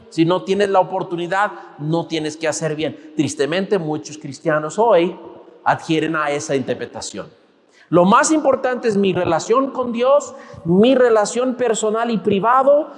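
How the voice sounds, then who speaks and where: A man's voice: high voice, long reverb tail. A man preaching a sermon in a church, delivering it as a pastor with emphatic rises and falls.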